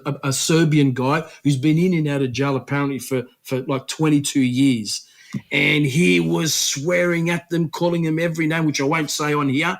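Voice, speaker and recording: A man, a radio interview guest telling a long personal story in a rambling, animated way with many restarts. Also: fairly high pitch. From Australia.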